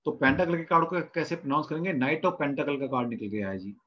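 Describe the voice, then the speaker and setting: A man's voice: a little high, lively intonation, fast talker, muffled recording, a little hiss or hum. A man teaching tarot in an online class, asking his students questions and answering them himself while repeating the terms. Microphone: video call mic.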